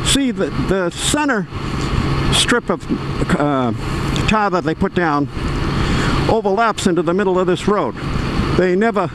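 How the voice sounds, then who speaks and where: Male motorcycle vlogger, higher-pitched voice, folksy and plain-spoken, casual riding chat on a helmet mic under heavy road and engine noise. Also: animated, a little slow, long pauses. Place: outdoors riding a motorcycle on suburban roads. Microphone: microphone inside motorcycle helmet.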